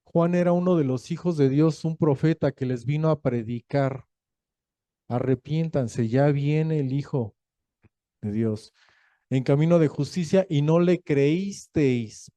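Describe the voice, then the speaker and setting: A male pastor, preaching a sermon in a lively, joking storytelling manner. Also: a little high, moderate pace, hardly any pauses, no echo. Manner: lively storytelling, acting out quoted voices; jokey, laughs between points.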